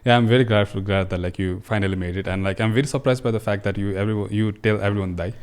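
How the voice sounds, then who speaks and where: Young male podcast host; very deep voice, quick pace; friendly, hesitant, leans on fillers. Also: steady tone, clean tone. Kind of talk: casual interview hosting.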